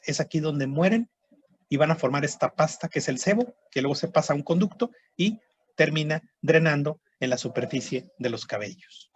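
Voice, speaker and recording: A man's voice: a little high, dull audio. Man teaching histology online. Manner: explanatory, repeats terms, frequent "¿sí?" and "¿verdad?" checks. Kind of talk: online class lecture.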